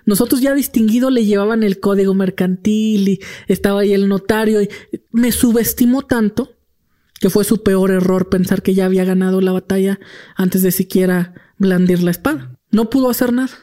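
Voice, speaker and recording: A man with a Mexican accent, tired after a long day, tells a business story in a casual, animated, profane way. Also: high-pitched, normal speed. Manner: animated, profane, dramatic retelling. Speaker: podcast host telling a business story.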